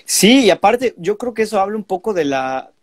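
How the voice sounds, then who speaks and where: A man's voice: sits high, normal speed, dry recording. A man of twenty-two with a Mexican Spanish accent, telling stories animatedly in a casual interview. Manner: animated storytelling, imitates parents. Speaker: bullfighter guest.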